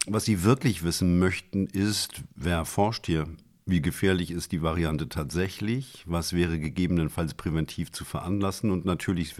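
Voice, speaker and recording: A man voicing a composed male official who speaks in formal, measured bureaucratic phrases. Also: low voice, a little mellow, close to an everyday voice.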